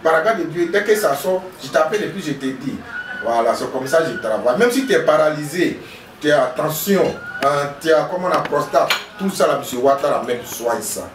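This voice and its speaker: Speaking briskly with lively intonation and a fairly high pitch, a man in his fifties who works as a traditional healer keeps promoting himself in an earnest, repetitive way. The casual interview takes place on a veranda by a house wall, recorded from a distance with an echoey sound and a noisy background.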